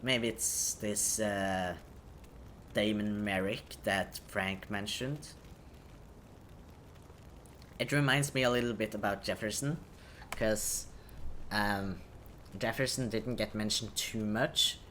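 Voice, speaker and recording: A man's voice: fairly low pitch, steady tone, slow, bright, forceful tone, slight background noise. A man giving casual video game commentary, hesitantly thinking aloud as he goes. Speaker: gaming commentator.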